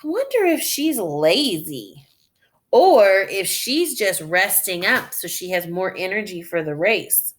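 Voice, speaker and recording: Speaking at a medium pitch with a sing-song lilt, a woman reads a children's story like a teacher. She thinks out loud and leads her young audience along deliberately, as if giving a lesson.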